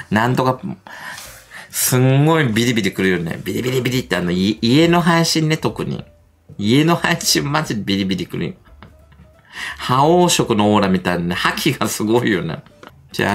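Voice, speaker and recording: A middle-aged man livestreaming casual chat, gossipy and quick to laugh. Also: fairly low pitch. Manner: animated, gossipy, laughs often.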